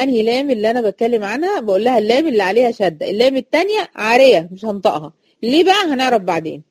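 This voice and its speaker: Here a woman's fairly high, slightly rough voice carries a little mellowness and no echo. She has an Egyptian accent and leads a Quran recitation class for female students, chatting as she repeats every rule and checks with quick questions whether they're keeping up.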